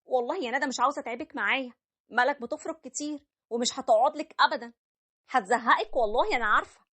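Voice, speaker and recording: A woman voicing a gentle, caring sister-in-law with an Egyptian accent. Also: high voice, rapid-fire, breathy edge. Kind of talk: animated story voice acting.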